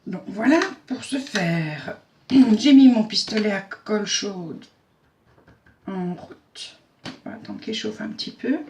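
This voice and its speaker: A woman's voice: medium pitch, very animated, takes it slowly, a little mellow, a little hiss or hum. A woman hosts a casual craft tutorial. She chats in a homely way and talks through each step as she works, with frequent fillers and self-mocking humor. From Belgium.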